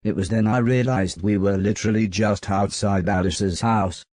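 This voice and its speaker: A man voicing a wry adventurer who narrates his journey in a measured, scripted storybook style for a video game. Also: lowish voice, steady tone, darkish tone, no echo, clean studio sound, lightly acted. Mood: measured, reflective. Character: adventurer recounting his journey home with a companion.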